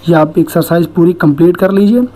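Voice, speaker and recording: A woman's voice: lowish voice, brisk, mellow. A woman teaching shorthand in an online lesson, explaining each stroke step by step and often checking in with "ठीक है".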